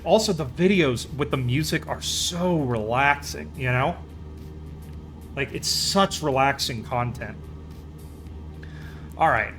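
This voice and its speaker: A man streams a flight simulator live, rambling in easygoing, enthusiastic casual chat. His voice is a little high and a bit bright.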